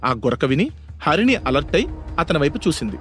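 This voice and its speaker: A man's voice: a little high, sing-song, a little fast, fairly bright tone, faint music behind. A man narrating a scripted audio story in a dramatic storytelling manner.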